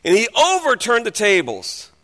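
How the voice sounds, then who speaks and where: High, bright preacher in a reverberant hall. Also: male voice, wildly swooping pitch, normal speed. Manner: dramatic, swings between hushed and loud. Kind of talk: sermon.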